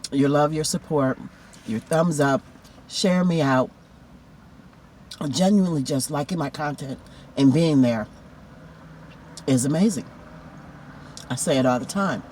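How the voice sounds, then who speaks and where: A man's voice: fairly high pitch, measured pace, long pauses, darkish tone, slight background noise. A man chatting casually in a food mukbang vlog, heartfelt and talkative, lingering over each item. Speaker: food vlogger.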